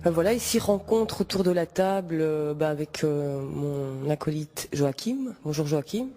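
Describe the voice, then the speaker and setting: Casual male host, higher pitch, mellow tone, informal rambling intro. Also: animated, unhurried. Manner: loose and informal, trailing off with "quoi".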